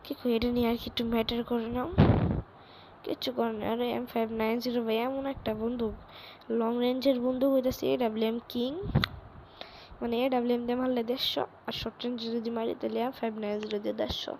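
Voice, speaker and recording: A woman with a hoarse voice from a cold, chatting excitedly through live gameplay commentary and urging viewers to like and subscribe. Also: fairly high pitch, fast talker, low-quality recording. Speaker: gaming YouTuber. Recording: loud game noise behind.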